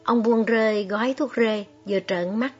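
A woman reading a story aloud in calm, measured narration. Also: on the high side, slightly rough. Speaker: audiobook reader. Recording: slightly dull recording, soft music behind.

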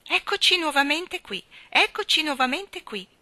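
A woman voicing a boisterous male circus clown with a big hoarse voice, loud and jokey. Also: mid-range voice, sing-song, normal speed, exaggerated voice.

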